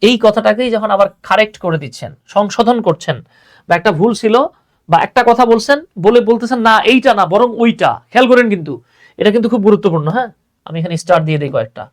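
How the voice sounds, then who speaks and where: A man's voice: high-pitched, lively intonation, fast. A man with a Bangladeshi accent teaching an English exam-prep lesson, who explains patiently and repeats key phrases for his students.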